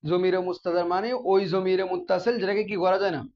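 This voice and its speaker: A man's voice: high-pitched, flat delivery, fast, dull audio, crowd noise. A man teaching a class, often asking his students questions and repeating the key terms. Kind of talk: classroom grammar lesson.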